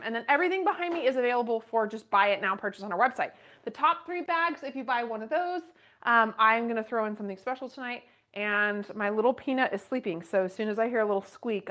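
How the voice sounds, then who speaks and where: Calling out bids in a bubbly, chatty way, a woman in her thirties hosts an online purse auction streamed live from an indoor western boutique. Her voice is fairly high and a bit bright.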